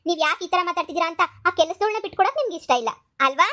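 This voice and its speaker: A woman's voice: very high voice, lively intonation, rapid-fire, pushed and bright, exaggerated voice. A woman voicing a jealous, nagging young wife who accuses and needles in a cartoon comedy. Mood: accusing. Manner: accusing, needling, repeats herself.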